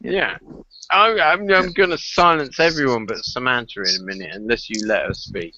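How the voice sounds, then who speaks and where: A man's voice: medium pitch, moderate pace, bright, forceful tone, a little hiss or hum. An Irish man hosting a casual online voice chat, talkative and joking, often cutting in over others. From Ireland. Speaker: host. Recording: muffled lo-fi voice chat audio.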